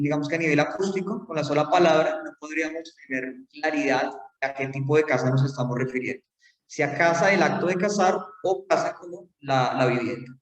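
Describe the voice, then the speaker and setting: A man's voice: a little high, a bit bright. A man giving a phonetics lecture, explaining step by step with fillers and check-in questions. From Colombia. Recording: roomy hall, mic far off.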